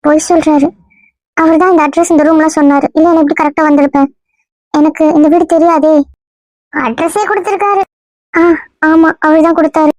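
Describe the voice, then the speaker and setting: Man putting on a coy high young woman. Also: fairly even intonation, fairly quick, pauses often, a little mellow, dry recording. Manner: coy, teasing, feigning innocence. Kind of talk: comedy skit role-play.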